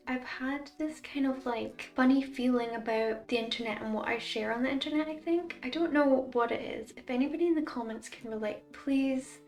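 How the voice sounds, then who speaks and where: Higher-voiced young Scottish woman, roomy sound. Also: a little mellow. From Scotland. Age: 20s. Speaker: vlogger. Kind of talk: casual chat to viewers. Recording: roomy, slightly distant mic.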